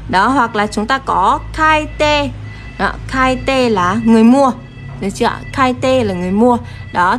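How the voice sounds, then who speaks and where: A woman's voice: fairly high pitch, a little hiss or hum. A woman teaching a live kanji lesson. She is patient and keeps checking in with her viewers through rhetorical questions. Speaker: Japanese teacher.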